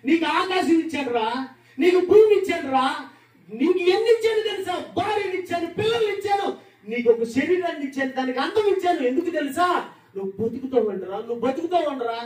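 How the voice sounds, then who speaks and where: Man doing God the Father, anguished, pleading, shouting, very high voice, distant mic. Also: animated, brisk. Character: grieving God the Father, anguished over lost children. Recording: echoey room, distant mic.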